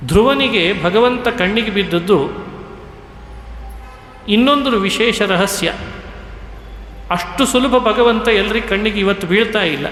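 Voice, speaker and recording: A man giving a devotional sermon, speaking in a slow, measured way and now and then chanting verses. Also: sits high, fairly bright tone, a little hiss or hum. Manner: slow and measured, breaks into sung Sanskrit verses. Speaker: religious discourse speaker. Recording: echoey hall with faint ambience.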